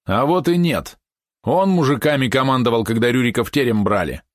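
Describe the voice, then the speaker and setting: A man's voice: mid-range voice, animated, brisk, no echo, studio quality, pitched above the performer's own voice, natural voice. A man reading aloud, voicing a tall, menacing village boy who hurls accusations. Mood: accusing. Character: tall bullying village boy, angry and threatening.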